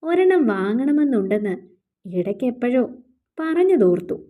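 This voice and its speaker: A woman narrating a first-person romance novel in a gentle, measured reading voice. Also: on the high side, sing-song, phone-quality sound. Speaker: storyteller.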